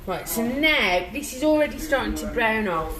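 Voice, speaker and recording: In a home kitchen, an English woman hosting a live cooking stream chats to viewers in a casual, cheeky way. Her voice is a little high and animated, at a normal speed. The recording is noisy, with background ambience around her.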